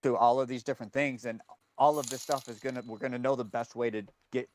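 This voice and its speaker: A man speaking as a panelist in a live casual roundtable, steady and emphatic. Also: mid-range voice, fast, slight background noise.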